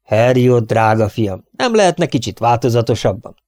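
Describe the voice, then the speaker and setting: A man voicing a small, eager elderly English lord who talks in high, excitable exclamations. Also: dry recording, studio quality, close to an everyday voice. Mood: wry.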